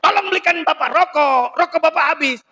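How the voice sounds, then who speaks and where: A bossy rich employer barks orders at his servant, as a preacher puts him on, his voice shooting very high and sharp. He shouts his commands with impatience. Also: a little fast, big-room sound. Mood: impatient.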